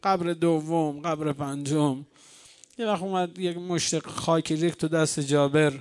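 A man's voice: fairly high pitch, fairly even intonation. A man preaching a mourning sermon, telling a story to a gathered congregation. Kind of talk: mourning sermon with chanted lament.

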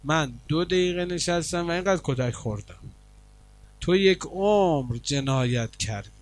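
A man preacher voicing a learned man who feigns madness, speaking in a pleading, then quietly reproachful tone within a sermon story. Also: on the high side, natural voice. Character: Bahlul, a scholar feigning madness, grieving and bold.

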